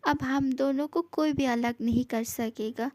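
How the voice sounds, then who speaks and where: A devoted young husband, voiced by a woman in a homemade fan audio drama. The voice sits high for a man and sounds dry and close to the mic. He pleads softly and then turns to playful, mock-angry threats. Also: measured pace, no room sound. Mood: soothing.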